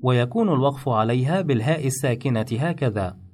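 A man teaching in measured, step-by-step instructional narration. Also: mid-range voice, lively intonation, darkish tone. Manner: measured, explains rules step by step.

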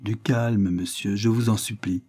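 A man's voice: on the low side, fairly even intonation, unhurried, dark tone. A man voicing a composed, good-humoured male lawyer who speaks with cool courtesy. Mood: calm.

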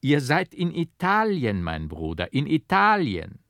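A man voicing a kindly male cleric who speaks gently and calmly. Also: mid-range voice, normal speed, no echo, clean studio sound, close to an everyday voice. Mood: gentle. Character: kindly male monk-priest, calm and gently amused.

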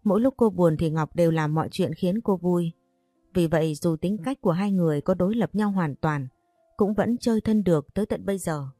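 A woman narrating an audio story in a steady storytelling voice. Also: on the low side, a little fast, no echo, soft background music.

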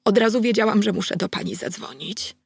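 A woman gives voice to a frightened elderly woman in an audiobook. Her voice trembles, with a gravelly grain. The sound is close and dry. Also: mid-range voice, fairly quick, dry recording. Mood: anxious. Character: anxious elderly woman reporting her missing neighbour.

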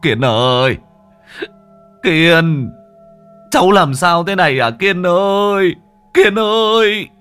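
A man's voice: high voice, expressive, slow, long pauses, fairly bright tone, clear, resonant tone, soft background music, voice pushed up, full character voice. A man voicing a haunted older villager who stammers and shakes with fear. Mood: panicked. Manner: stammering, shaky, fearful. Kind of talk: horror story narration.

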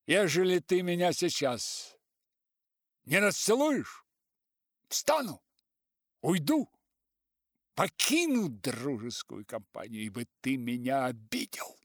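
A man voicing a self-righteous older male writer who lectures and shouts, loud and insistent, dragging his words out. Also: mid-range voice, big pitch swings, creaky, no echo, studio quality, exaggerated voice. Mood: indignant shouting. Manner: loud, preachy, slow and insistent.

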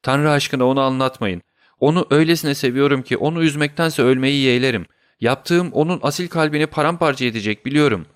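A man's voice: medium pitch, a little fast, clean tone, no room sound, clean studio sound, pitched above the performer's own voice, close to an everyday voice. A man voicing a proud, emotional noblewoman in an audiobook reading, raising his voice to play her. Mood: pleading. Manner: indignant, emotional. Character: proud noblewoman, defiant then pleading.

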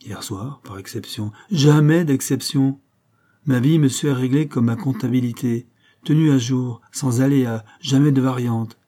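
A man's voice: mid-range voice, moderate pace, warm tone, natural voice. A male narrator voicing a fussy, methodical old accountant who speaks with prim indignation. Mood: insistent.

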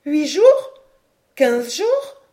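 A panicked mother from a storybook, her voice pitched high and raised, anxious and pleading, as a woman narrator puts her on. She trembles through every line with dread. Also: big pitch swings, normal speed, darkish tone. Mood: despairing. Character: frightened middle-aged mother, despairing.

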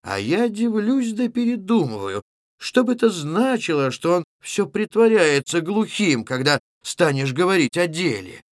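Brief: a man doing an angry young village lad, raised and high, mocking. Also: sing-song, a little slow, no echo, clean studio sound, full character voice. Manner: mocking, loud and heated.

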